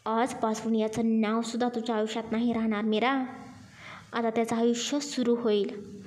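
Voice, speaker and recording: A woman's voice: a little high, level tone, normal speed, darkish tone, close to an everyday voice. A woman reading a furious, possessive young male boss in a storybook drama, speaking in a stern, commanding way. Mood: angry.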